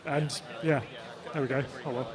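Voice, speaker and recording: A British man, a competitor, answering interview questions in a resigned, halting way. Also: mid-range voice, fairly even intonation, crowd noise.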